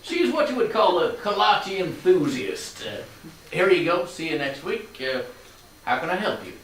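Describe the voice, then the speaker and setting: In a live staged reading, a man acts the part of a genial, proud shopkeeper father, telling stories in a friendly, folksy way. His voice is high and sing-song, a bit bright, moderately paced and heavily acted. The recording is very echoey, with a distant mic and faint noise.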